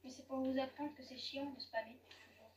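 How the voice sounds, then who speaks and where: A woman's voice: sits high, fairly even intonation, brisk, dull audio. A woman giving casual, chatty commentary over her gameplay, often giggling and correcting herself. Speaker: gaming YouTuber. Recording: echoey room, distant mic, faint noise.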